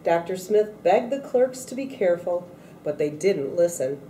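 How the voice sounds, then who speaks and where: Woman, unhurried storybook narration, warm dark tone, distant roomy sound, deliberate delivery. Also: fairly low pitch, lively intonation. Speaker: storybook reader at a read-aloud event. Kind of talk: scripted picture-book read-aloud. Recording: echoey room, off-mic, faint noise.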